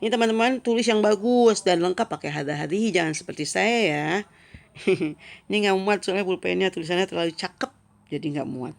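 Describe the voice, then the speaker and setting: A woman from Indonesia giving a casual online Arabic lesson. She reads each phrase slowly and clearly, then adds quick chatty asides. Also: on the low side. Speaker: Arabic teacher.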